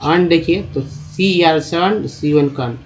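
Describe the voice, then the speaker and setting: A man teaching English reading in a phonics lesson, spelling out letters and sounding out each word part slowly. His voice sits a little high. The recording is dull and lo-fi. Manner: addresses viewers as friends. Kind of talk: spoken Hindi phonics lesson.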